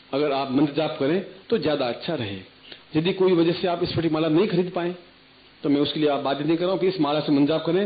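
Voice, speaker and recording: A man giving a spiritual discourse as guru, instructing listeners and chanting mantras rhythmically. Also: a little high. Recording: tinny phone-like archival recording.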